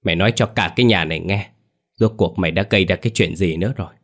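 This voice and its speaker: A man's voice: low voice, fast, fairly bright tone. A man voicing an old grandmother who harshly scolds her grown son in a spoken ghost story. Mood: angry scolding.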